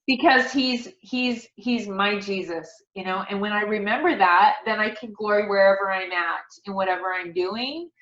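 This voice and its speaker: A middle-aged woman, a guest in a casual personal interview, shares stories about her life in an earnest, devout way. Her medium-pitched, slightly bright voice moves at a moderate pace with few pauses, and the recording sounds dull and roomy.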